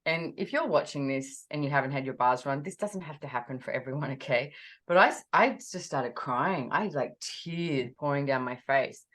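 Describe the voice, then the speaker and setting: A woman being interviewed over a video call, telling a personal story with animated energy and acting out her own quoted words. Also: a bass voice, normal speed. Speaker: interview guest.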